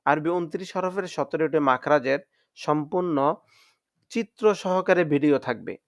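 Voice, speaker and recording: A man teaching Quran reading in a recorded lesson, with a Bangladeshi Bengali accent. He says each letter slowly three times so listeners can repeat after him. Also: on the high side, dry recording, clean studio sound.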